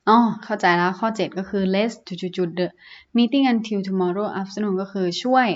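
Her mid-range voice comes through lo-fi sound as this woman, a teacher with a Thai accent, reads English sentences slowly in an online lesson. She follows each one with a Thai explanation full of fillers.

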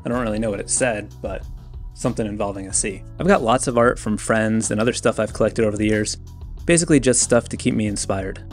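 A fairly low-voiced man in his thirties walks through his basement studio in an easy, chatty way, tossing in self-deprecating jokes. Soft music plays faintly behind him. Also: fast talker. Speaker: illustrator showing his studio. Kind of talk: casual studio tour narration.

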